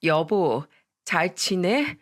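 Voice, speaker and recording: A woman's voice: fairly low pitch, sing-song, extremely slow, heavily acted. A woman voicing a tearful ex-wife who pleads and begs, in a story radio reading. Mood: pleading. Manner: crying, begging.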